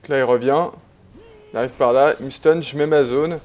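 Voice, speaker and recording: A man speaks briskly in a medium-pitched voice while casually commenting on a replay of his online game. His talk is easygoing and chatty, with many fillers and restarts.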